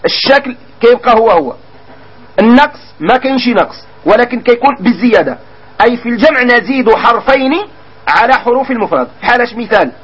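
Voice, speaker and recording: High-voiced Moroccan man teaching grammar. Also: animated, fairly bright tone, breathy edge, dull audio. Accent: Moroccan Arabic. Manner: asks students questions and repeats words slowly. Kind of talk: classroom grammar lesson.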